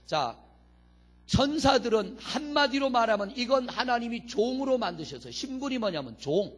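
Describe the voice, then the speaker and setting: A man's voice: very high-pitched, big pitch swings, moderate pace, fairly bright tone. A man pastor preaching a sermon in a church. He asks the congregation questions, answers them himself, and reads scripture verses aloud. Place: church sanctuary.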